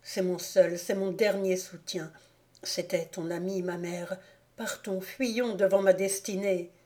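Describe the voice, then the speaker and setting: A frightened young man pleads in the dark, his voice soft and hushed, spoken slowly by a woman reading him aloud in an audiobook. The tone is low and mellow, never sharp, with a warm, dark color. He sounds lost and desperate, begging for an answer. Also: fairly even intonation, close to an everyday voice. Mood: anguished. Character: anguished young man calling to his dead mother.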